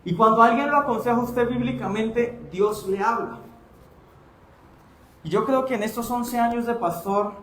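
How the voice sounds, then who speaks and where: A man preaching a sermon as pastor in a church, speaking in a lively way and acting out his congregants' voices. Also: sits high, roomy sound, slight background noise.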